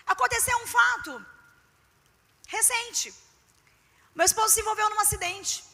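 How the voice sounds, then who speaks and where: A woman preaching a sermon at a women's service in a church, telling stories with emphasis and speaking straight to the women. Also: very high-pitched. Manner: animated storytelling, emphatic, addresses the women directly. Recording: echoey church hall.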